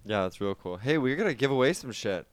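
A man's voice: medium pitch, lively intonation, fast talker. A young adult man co-hosting a casual chat, teasing and making crude jokes with some impatience. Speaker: co-host.

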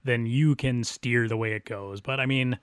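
A man co-hosting a talk show about community theater, chatting easily and laughing often. His voice sits at a middle pitch. It is recorded dry and close, with no room sound. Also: fairly even intonation, normal speed, clear, resonant tone, no echo. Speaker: podcast co-host. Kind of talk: casual chat.

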